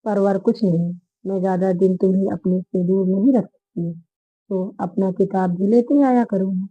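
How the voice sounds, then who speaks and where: A woman's voice: mid-range voice, fairly even intonation, moderate pace, mellow, no echo, lightly acted. A woman voicing a middle-aged mother-in-law who speaks in a firm yet affectionate way, over phone-like narrow audio. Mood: fond.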